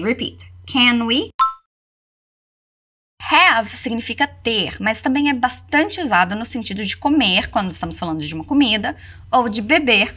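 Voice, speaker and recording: Brazilian woman, English teacher, repeat-after-me drills, slightly high voice, animated. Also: slightly rough. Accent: Brazilian Portuguese. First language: Portuguese. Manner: slow, over-articulated model phrases between quick explanations.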